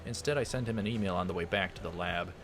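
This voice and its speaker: Over game music, a low-pitched man talks fast as he reads visual novel dialogue in his let's play, adding offhand comments along the way.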